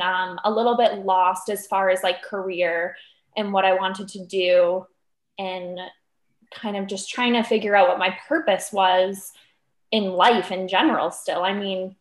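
A 25-year-old woman from Cape Cod, Massachusetts, a guest chatting upbeat and casually on a podcast, with many fillers like "um" and "like". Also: medium pitch. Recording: roomy echo.

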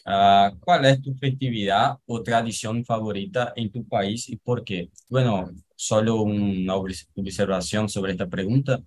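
A man from Brazil, hosting a language exchange call in Spanish, relaxed and friendly, mixing vos and tú forms. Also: fairly low pitch. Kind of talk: moderating a casual group chat.

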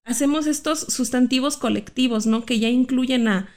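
A woman's voice: high voice, moderate pace, darkish tone. A woman, a guest expert who explains inclusive language in a careful, reflective way, asking rhetorical questions. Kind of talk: explanatory interview talk.

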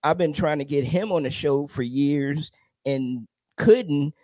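A male radio show host talks in a casual, animated way, often laughing and doubling his words. His voice sits a little high, and it sounds close and dry, with no room around it. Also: takes it slowly, dry recording.

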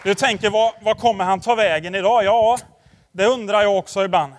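Preaching before a congregation in a large church hall, this male pastor speaks in a high-sitting voice while a faint crowd murmurs in the background. His sermon is casual and chatty, built on stories told straight to the audience, with frequent tag questions asking them to agree.

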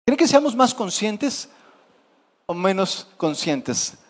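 A man's voice: sits high, big pitch swings, takes it slowly. A man, preaching a sermon in a conversational way and asking the congregation questions. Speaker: pastor.

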